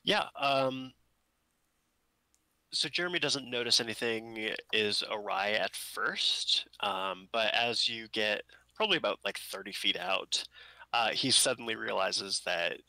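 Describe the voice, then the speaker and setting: Slow-paced man with a very bright voice. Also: fairly low pitch, dry recording, rough recording. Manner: halting, improvised phrasing. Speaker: game master. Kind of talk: narrating a tabletop role-playing game.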